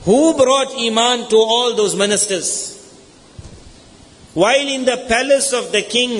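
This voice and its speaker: A man's voice: high-pitched, a bit bright. A man with a South African accent preaching a sermon in a mosque, telling a story and acting out the quoted lines with rising intensity. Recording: long hall reverb in a mosque.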